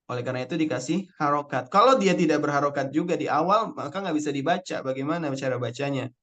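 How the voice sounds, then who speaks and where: A man's voice: fairly high pitch, fairly bright tone. A young man teaching an online Arabic spelling lesson, patiently explaining rules step by step and repeating key words. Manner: recites Quranic verses slowly in chant.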